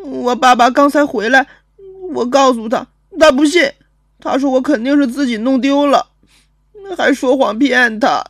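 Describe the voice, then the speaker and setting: A woman's voice: fairly high pitch, lively intonation, dry recording, clean studio sound. A woman voicing a timid, chubby ten-year-old boy who stammers and sobs as he speaks in an audio drama. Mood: tearful, stammering. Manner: stammering, sobbing, halting.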